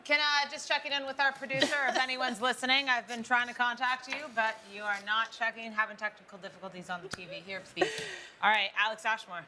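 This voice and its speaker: A woman's voice: on the high side, steady tone, fast talker, noisy background. A woman hosting a live football watchalong, calling the play and steering her panel with teasing questions.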